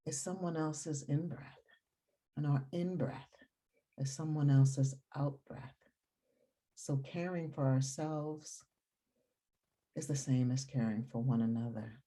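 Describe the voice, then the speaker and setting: The audio quality is poor in this guided meditation led by a woman whose voice is extremely low in pitch. She sounds soft and breathy, calm and soothing, and she moves slowly with long pauses.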